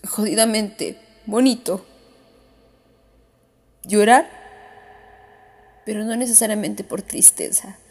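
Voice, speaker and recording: A woman's voice: mid-range voice, slow, long pauses, a little mellow. A woman podcast host, crying as she speaks, giving a heartfelt motivational monologue with repeated self-affirming phrases. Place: on the way home.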